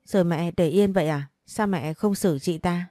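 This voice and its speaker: A woman's voice: lowish voice, normal speed, dark tone, no echo, faint music behind, close to an everyday voice. A woman voicing a spoiled, greedy young sister-in-law who eggs on her mother in a storybook reading. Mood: needling. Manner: eager, needling.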